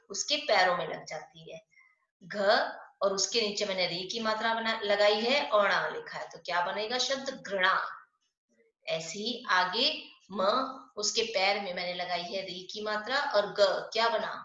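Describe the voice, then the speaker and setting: A woman teaching a primary school Hindi class online. She is patient, asks questions and answers them herself, and spells words out slowly. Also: mid-range voice, a bit bright, reverberant, highs cut off.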